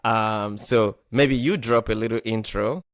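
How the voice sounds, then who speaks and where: Guy in his 30s, smooth low voice, dry close sound, talks loose with lots of like. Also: a little slow, no room sound. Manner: casual, lots of "like" and restarts. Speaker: podcast host. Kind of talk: casual chat.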